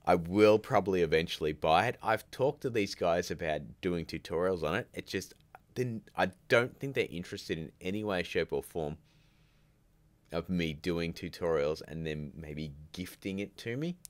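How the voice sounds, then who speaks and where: A man livestreaming casually from home sounds groggy from the morning as he rambles, chats, and reads out what viewers comment. His voice sits low at a normal speed, and the recording carries no room sound.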